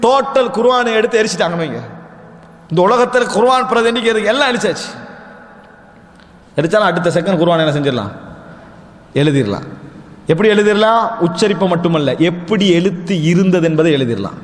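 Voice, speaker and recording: High-voiced man preaching in a reverberant hall. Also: expressive, brisk, long pauses. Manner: asks the audience rhetorical questions and answers them himself; addresses listeners as dear brothers. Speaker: Islamic preacher. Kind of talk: religious lecture.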